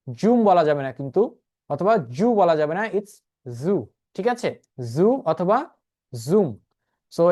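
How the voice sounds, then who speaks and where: A man's voice: on the high side, a little mellow. A man teaching an online class over a video call, patiently repeating and spelling things out for his students. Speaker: spoken English instructor.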